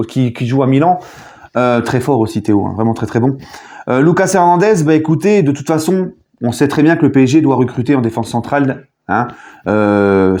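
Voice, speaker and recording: In a mid-range voice, a man talks casually in a video debrief as a football fan. He's jokey and animated, breaking into sudden loud outbursts.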